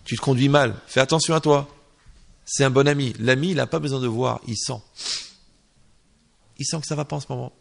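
Gravelly animated French rabbi-style teacher. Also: male voice, mid-range voice, fairly quick, pauses often. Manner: animated, acts out little dialogues, slips in Hebrew terms. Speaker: religious teacher. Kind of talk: informal Torah lesson.

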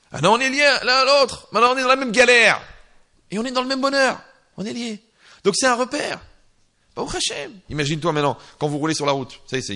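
Gravelly animated French rabbi-style teacher. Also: male voice, mid-range voice. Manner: animated, acts out little dialogues, slips in Hebrew terms. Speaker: religious teacher. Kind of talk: informal Torah lesson.

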